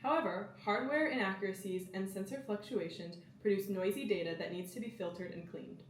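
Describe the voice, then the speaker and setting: A teenage girl reading a scripted project presentation in a calm, explaining way. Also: medium pitch, a little fast, a little hiss or hum. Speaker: student presenter. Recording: echoey room, mic at distance.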